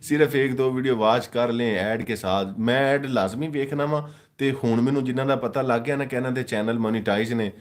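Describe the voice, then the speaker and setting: A man's voice: medium pitch, fairly even intonation, normal speed. A man with a Punjabi accent, from Pakistan, hosting a casual live stream, joking with viewers as he reads their comments. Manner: joking, switches into mocking put-on voices.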